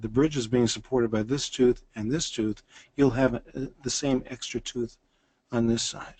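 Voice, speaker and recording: In a mid-range, slightly mellow voice, a sixty-something man guides listeners through a dental case in a lecture. He explains each image in turn, step by step.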